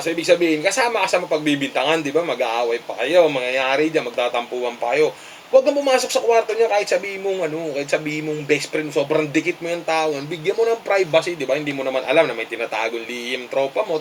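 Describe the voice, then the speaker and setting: A man's voice: high-pitched, slight background noise. A man giving casual advice, scolding and preachy, often asking "di ba?".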